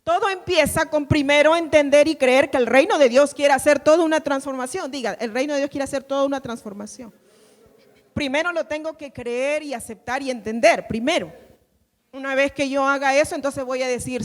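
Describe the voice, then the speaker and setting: High-voiced woman pastor preaching in a reverberant hall. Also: brisk. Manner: emphatic, repeats phrases and asks the congregation to say them back. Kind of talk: sermon. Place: church.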